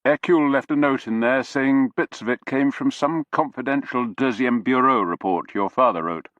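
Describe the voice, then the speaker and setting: A man's voice: mid-range voice, moderate pace, fairly bright tone, no echo, dull audio, pitched above the performer's own voice, close to an everyday voice. A man voicing an earnest police chief who asks probing questions. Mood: inquiring.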